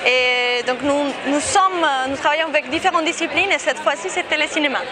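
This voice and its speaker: High-voiced woman on a busy street. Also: a little fast. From Mexico. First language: Spanish. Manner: hesitant, many fillers and restarts. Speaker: festival director. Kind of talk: casual interview. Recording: outdoor street noise and crowd chatter.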